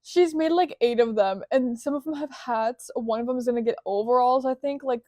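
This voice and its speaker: A woman's voice: fairly high pitch, brisk, a little mellow, no room sound. A young woman chatting casually in a vlog, bubbly and rambling, joking at her own expense. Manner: bubbly, rambling, self-deprecating humor. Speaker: crochet vlogger.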